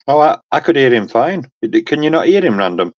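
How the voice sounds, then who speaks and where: A male panel guest joins a casual panel chat by video call, his computer mic giving lo-fi sound with no room sound. His voice is fairly high, very animated and fairly quick, and he rambles, peppering his talk with "okay" and "um."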